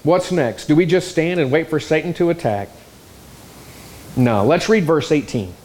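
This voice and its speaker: A man preaching a sermon, telling a story in an animated, exclamatory way. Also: on the high side, moderate pace, a little hiss or hum. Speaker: pastor.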